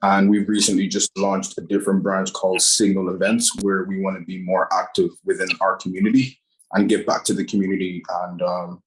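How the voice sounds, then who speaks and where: A man's voice: low voice, flat delivery, a little fast, rough recording. A man introducing himself on a panel in an easygoing way, with fillers, on a video call.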